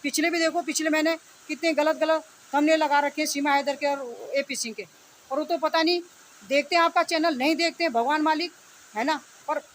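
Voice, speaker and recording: Her voice sits high, and the recording is low in quality with a constant hum of background noise. She's an online video commentator, ranting off the cuff in indignation, berating her opponents with rhetorical questions and phrases she keeps repeating.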